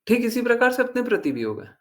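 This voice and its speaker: A man's voice: extremely high pitch, very animated, quick pace, a bit bright. A man giving an earnest devotional talk to followers, explaining patiently and repeating his points for emphasis. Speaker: spiritual teacher.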